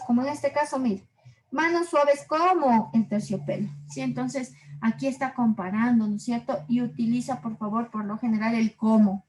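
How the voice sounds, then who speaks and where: Patient woman teacher, higher voice. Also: darkish tone, poor audio. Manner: patient, repeats examples slowly and checks in with short questions. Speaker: language teacher. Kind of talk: explaining literary figures in a class.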